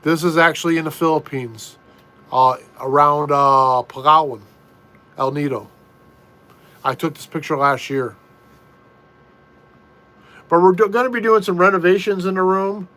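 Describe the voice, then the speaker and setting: A man's voice: fairly high pitch, fairly even intonation, bright, forceful tone. A middle-aged American man hosting a casual live stream from a room at home, reading viewer comments in an easygoing way and often restarting his sentences. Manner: easygoing, slow, repeats himself and restarts.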